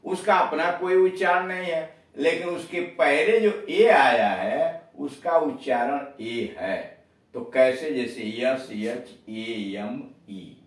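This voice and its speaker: A man with a slightly high voice teaches an English pronunciation class at a very slow pace, spelling each word out letter by letter. His voice rings through a very echoey room and is picked up from a distance. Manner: slow, explains rules step by step, spells words letter by letter. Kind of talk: spoken grammar lesson.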